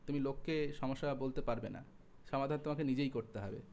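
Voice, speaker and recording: A young man with a West Bengal Bengali accent teaching an online exam-prep lesson, chatty, with asides and everyday examples and drawn-out spelling of sounds. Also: mid-range voice, darkish tone, slight background noise. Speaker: Sanskrit exam tutor.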